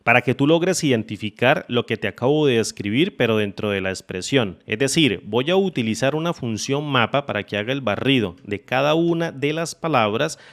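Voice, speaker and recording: A man hosting a spreadsheet tutorial, explaining formulas step by step in a methodical way and repeating phrases to make things clear. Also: mid-range voice, expressive, brisk, hardly any pauses, a bit bright. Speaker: Excel tutorial host. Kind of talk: screen-recorded software tutorial.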